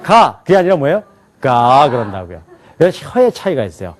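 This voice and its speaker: A man teaching a class in a lively lecture style, often asking the students questions and laughing along. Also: on the high side, fast talker. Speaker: English teacher at an alternative school.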